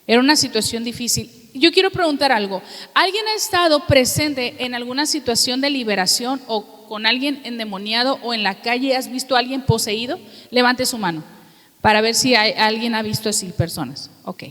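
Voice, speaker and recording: A woman pastor preaching a sermon to a congregation, asking them questions and reading scripture slowly and emphatically. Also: fairly high pitch, a bit bright. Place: church hall with congregation. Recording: long reverb of a hall.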